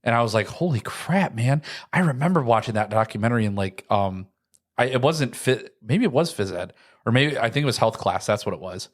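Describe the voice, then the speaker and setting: An American podcast co-host in his early thirties chats casually, rambling along and saying "like" a lot. His medium-pitched voice is expressive and moves a little fast.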